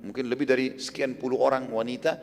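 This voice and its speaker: A man's voice: medium pitch, flat delivery, quick pace. A male preacher retelling a story in a sermon, casual and explanatory, who acts out the quoted lines. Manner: colloquial and explanatory, with casual fillers; acts out quoted speech with raised voice. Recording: long hall reverb.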